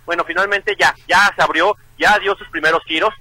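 A man reporting live from an outdoor event for a radio show, lively and talking straight to listeners. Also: high-pitched, brisk, slightly rough, dry recording, low-quality recording. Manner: lively, addresses listeners as "compañeros". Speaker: field reporter.

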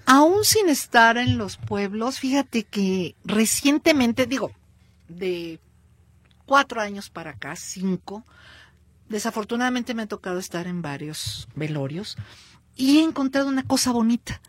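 A woman with a Mexican accent hosting a cultural radio show, lively and playful with her guest. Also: on the high side, measured pace, dry recording. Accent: Mexican Spanish. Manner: lively, playful, laughs easily. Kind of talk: casual radio chat.

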